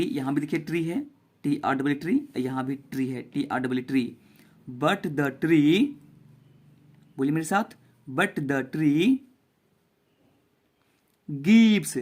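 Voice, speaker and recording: Slow, drawn-out male teacher. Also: fairly high pitch. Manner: spells words letter by letter and repeats them slowly. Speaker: English teacher. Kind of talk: slow spelling-out reading lesson for children.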